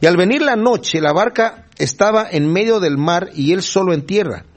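A male preacher whose voice sits a bit high and swings widely up and down as he preaches. He reads scripture and then talks it through in a relaxed, chatty way, often turning to his listeners with a quick question. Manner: conversational, often asks the listeners "¿verdad?", chuckles while explaining. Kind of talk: sermon with Bible reading and commentary.

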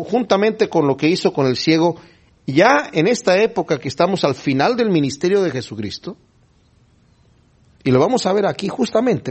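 A man preaching a sermon to his congregation, his voice sitting a little higher than most men's. He reads scripture aloud and keeps turning to the listeners with emphatic rhetorical questions. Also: a little mellow. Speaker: pastor. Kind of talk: sermon with Bible reading.

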